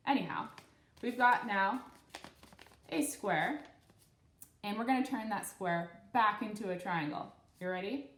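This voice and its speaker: A storytime host and craft teacher in her thirties speaks at medium pitch, a little slowly, leaving long pauses. She reads a story to children and coaches them through a craft with easy, supportive explanations. The recording carries a roomy echo.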